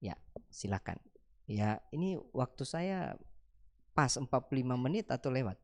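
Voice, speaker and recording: A man leads a church teaching session and Q&A. He is lively and playful, laughing often and slipping into short acted-out exchanges. His voice sits at an ordinary middle pitch. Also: moderate pace. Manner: lively, acts out mock dialogues, laughs often, teasing rhetorical questions.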